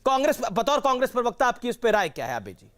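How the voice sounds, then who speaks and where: Man, Indian accent, TV debate host, very high pitch, cutting in, pressing questions. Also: wildly swooping pitch, rapid-fire, a bit bright. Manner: interrupting, pressing, repeats himself. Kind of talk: heated TV debate moderation.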